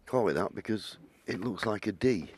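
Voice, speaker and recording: A man's voice: fairly low pitch, expressive, normal speed, darkish tone, slight background noise. A man giving conversational snooker commentary, with chatty explanatory asides as a co-commentator.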